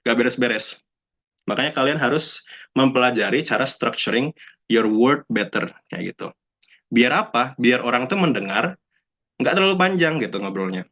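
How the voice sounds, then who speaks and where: A man's voice: mid-range voice, lively intonation, moderate pace, a bit bright. A young man giving a chatty talk to students, mixing in English phrases and acting out quoted people. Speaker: alumnus speaker. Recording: dull lo-fi sound.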